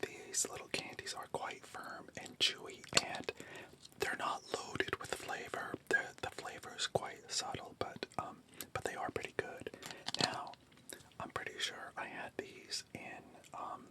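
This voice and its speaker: A person whispering throughout in an ASMR style, unhurried and musing hesitantly as a food-tasting host.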